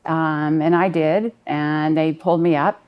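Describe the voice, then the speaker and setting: A woman's voice: low-pitched, fairly even intonation, unhurried, muffled recording. A woman in her fifties telling a personal story in an earnest, detailed and slightly rambling way. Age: 50s. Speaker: client giving a testimonial.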